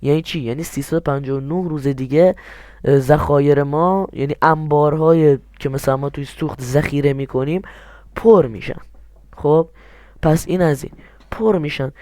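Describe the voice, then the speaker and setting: A young man hosts a screen-recorded strategy game tutorial, going step by step and posing questions to himself before answering them. His voice is fairly high, steady and a little mellow, captured in studio quality with no echo.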